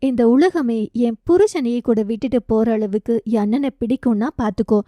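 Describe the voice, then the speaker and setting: Mellow-voiced woman reading a novel. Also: on the high side, normal speed, no echo. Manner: expressive, conversational reading. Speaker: audiobook narrator.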